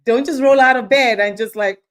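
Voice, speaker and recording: Her voice sits a little high and moves at a normal speed as this Nigerian woman gives a sermon-style Bible teaching. Animated, she acts out small scenes, throws out rhetorical questions, and keeps asking "okay?".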